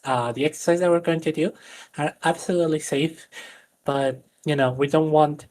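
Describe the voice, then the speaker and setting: On a live stream with slight background noise, a voice coach whose first language is Spanish earnestly explains voice training. Her medium-pitched delivery is full of fillers and restarts.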